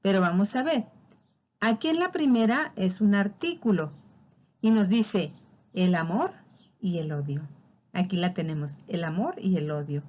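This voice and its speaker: A woman's voice: on the low side, expressive, unhurried, a little mellow, lo-fi sound. A woman teaching a spelling lesson, patiently walking through examples and drawing out key words. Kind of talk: spelling lesson explained over slides.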